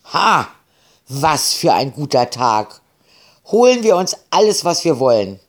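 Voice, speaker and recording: A man's voice: mid-range voice, animated, slow pace. A man doing a blustering pirate captain. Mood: gloating. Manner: loud blustering orders. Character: gruff hot-tempered male pirate captain.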